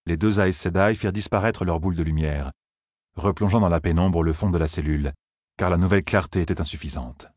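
Male audiobook narrator, low and husky, steady measured delivery. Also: no echo, clean studio sound.

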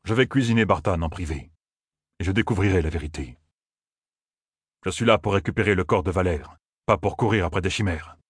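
A man's voice: low voice, fairly quick, long pauses, breathy edge, no echo, studio quality. A man voicing a weary, stubborn warrior lord who speaks curtly, in a fantasy audiobook.

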